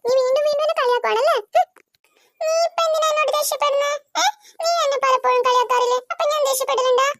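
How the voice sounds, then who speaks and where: A performer voicing a touchy young girl in a cartoon who is quick to feel hurt and sulk. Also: extremely high pitch, steady tone, a bit bright, a little hiss or hum. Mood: sulky. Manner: sulky, quick to take offence.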